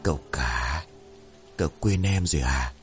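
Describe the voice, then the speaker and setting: A man's voice: extremely low pitch, expressive, measured pace, soft background music, pitched below the performer's own voice. A man voicing the vengeful ghost of a murdered young wife, speaking in a cold, taunting way in a spoken ghost story.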